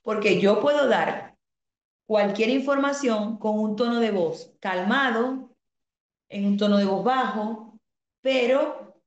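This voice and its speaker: A woman teaching an online class at an even, middling pitch. She explains calmly and reads out her students' comments. The room sounds echoey. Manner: asks the class rhetorical questions.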